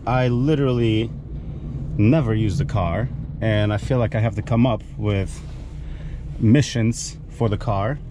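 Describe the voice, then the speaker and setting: A man's voice: fairly low pitch, unhurried. A man talking casually while he drives, cursing at other drivers. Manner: cranky, swearing at other drivers. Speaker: vlogger. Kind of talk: casual driving vlog commentary. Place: inside a car on city streets. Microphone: camera mounted in the car. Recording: car and street noise behind.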